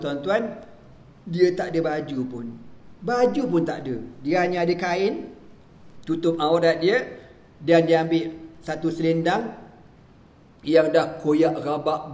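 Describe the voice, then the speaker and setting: A man's voice: a little high, measured pace, darkish tone, echoey room. A man with a Malaysian accent, a religious teacher giving a sermon and telling a story, acting out the quoted dialogue. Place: mosque prayer hall.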